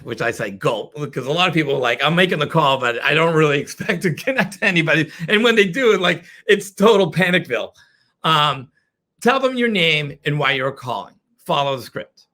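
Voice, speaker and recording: A middle-aged man teaching a sales webinar, animated and playful, slipping into quick mock caller voices as he explains. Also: on the high side. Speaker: sales trainer.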